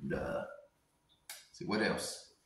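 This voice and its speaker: A man in his forties cooks in a home kitchen and mutters dry, crude jokes under his breath. He is picked up by a camera across the room, so his voice booms with echo. A steady hum of noise sits behind him. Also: extremely slow. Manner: wry, crude, mumbling to himself while cooking. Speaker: cooking vlog host. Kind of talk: casual joking cooking commentary. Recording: echoey kitchen with background noise.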